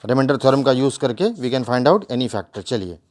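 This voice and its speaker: A man's voice: mid-range voice, moderate pace, darkish tone. A male math teacher, explaining steps and asking rhetorical questions. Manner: mixes English math terms into speech. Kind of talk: whiteboard math lesson.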